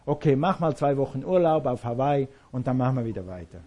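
A laid-back prison chief who shrugs everything off with casual, mock understanding. His tone is relaxed and mellow, in a preacher's playful sketch. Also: medium pitch, fast talker, close to an everyday voice. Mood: nonchalant.

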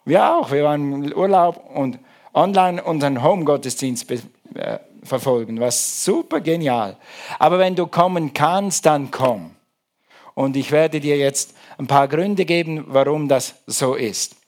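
A male pastor preaching a sermon in a lively, emphatic way, praying and then asking rhetorical questions. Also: on the high side, unhurried.

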